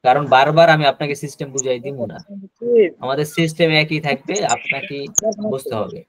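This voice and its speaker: A man teaching a spoken-English class over a video call, repeating each example slowly and drilling pronunciation. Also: mid-range voice, fairly even intonation.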